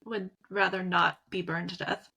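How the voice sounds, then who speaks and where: Podcast co-host: woman with a bright, crisp voice and quick, dry remarks. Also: lowish voice, level tone. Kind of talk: casual podcast chat.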